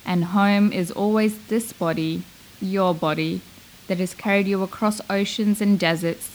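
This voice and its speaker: A young Malaysian woman narrates a reflective spoken-word essay slowly and deliberately, lingering on her phrases. Her mid-range voice is a little mellow with fairly even intonation, and the recording is rough.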